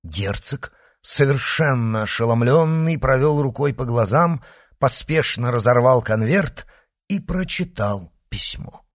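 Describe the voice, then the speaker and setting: A man reading a classic novel aloud as an audiobook narrator, in an expressive, lively style. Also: medium pitch, a little slow, no echo, studio quality.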